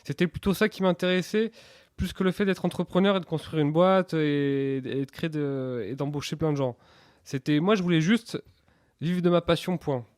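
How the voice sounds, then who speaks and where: A man in his thirties speaks in a fairly high voice with very little room sound. He answers interview questions candidly and earnestly, often hesitating and restarting on a repeated word. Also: moderate pace, darkish tone, no room sound, clean studio sound. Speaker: interview guest, entrepreneur.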